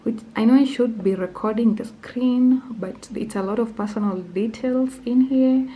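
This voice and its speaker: A woman's voice: on the high side, normal speed, warm tone, rough recording. A young woman vlogging casually, thinking aloud, nervous and often dropping to a whisper. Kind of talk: casual vlog narration.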